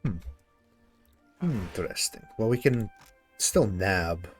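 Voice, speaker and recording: A man's voice: fairly low pitch, animated, slow pace, soft background music. A man streaming a game, reading its text aloud and chatting casually. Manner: casual, reads dialogue aloud, tired.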